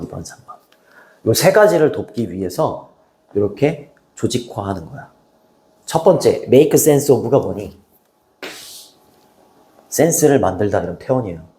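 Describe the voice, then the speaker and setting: A man's voice: medium pitch, warm tone. A man teaching an English class, talking casually and often asking the students short questions. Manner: casual, chatty, asks students rhetorical questions. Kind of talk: classroom lecture.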